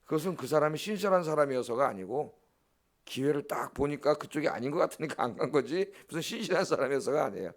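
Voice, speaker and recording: A man's voice: fairly high pitch, animated, fast. A middle-aged man, a pastor preaching a dawn service sermon in an emphatic, blunt way, often checking in with the congregation. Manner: blunt, scolding asides.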